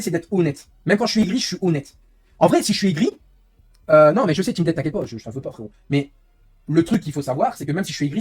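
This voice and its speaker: Young guy streaming, talks super fast and kinda husky, rambly and honest, some music low behind. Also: a little mellow. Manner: rambling, candid, quick, frequent "hein". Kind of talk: casual live-stream chat.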